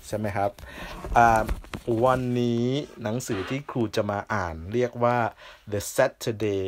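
A man teaching a bilingual reading lesson, reading English slowly and deliberately, then patiently explaining each phrase. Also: lowish voice, fairly even intonation, noisy background. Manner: patient, repeats "นะครับ" often.

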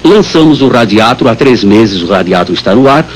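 A man's voice: on the low side, animated, brisk. A man, a radio producer, speaking formally and assertively in a promotional interview. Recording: faint background noise.

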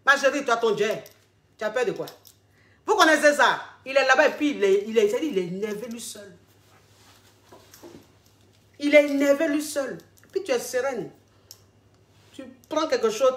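A woman's voice: a little high, animated, moderate pace, long pauses, a bit bright. Chatty woman giving advice. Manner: familiar, repetitive, addresses listeners as darling. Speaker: vlog host giving relationship advice. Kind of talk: casual advice talk. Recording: roomy echo.

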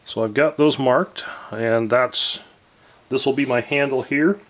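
A man in his forties hosting a casual workshop tutorial, talking in a relaxed, rambling way with many fillers and restarts, recorded in a home workshop on a camera a few feet away. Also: mid-range voice, measured pace. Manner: relaxed and rambling, lots of fillers and self-corrections. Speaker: woodworking channel host.

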